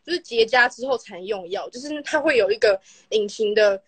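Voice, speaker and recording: Fast, rambling young-sounding woman. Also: medium pitch, animated, breathy edge, no room sound. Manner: rambling, strings clauses with constant fillers. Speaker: guest storyteller on a live stream. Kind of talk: casual storytelling.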